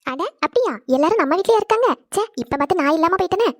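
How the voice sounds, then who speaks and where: A woman voicing a chatty young wife in a cartoon, scolding a little and talking fast. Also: extremely high pitch, animated, no room sound, studio quality. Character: young wife missing her husband. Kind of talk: animated cartoon voice acting.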